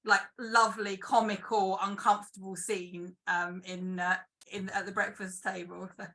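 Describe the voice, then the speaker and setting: Speaking at a moderate pace, this woman's voice is mid-range and level with a sharp tone. She is a guest screenwriter from the UK, interviewed over a video call, musing out loud in a relaxed way and filling gaps with plenty of fillers.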